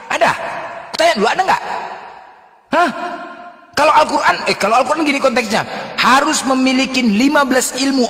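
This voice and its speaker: High-pitched bright preacher man, challenging. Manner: challenging, repeats questions, mocking. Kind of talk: heated live debate. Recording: echoey room with long reverb.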